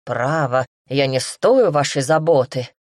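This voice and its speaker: A composed male mentor with a dry, gently mocking wit, as a woman narrator puts him on. He speaks low and unhurried, amused and sure of himself. The audiobook voice sounds close and dry. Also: no room sound. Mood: wry. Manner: calm, wry, gently mocking.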